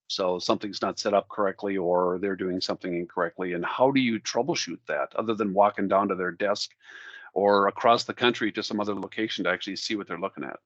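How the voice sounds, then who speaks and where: A man with a Minnesota accent giving a casual software demo, talking through each step in a friendly way. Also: sits low, steady tone, quick pace, dry recording, highs cut off. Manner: friendly, walks through steps out loud. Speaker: product demo presenter.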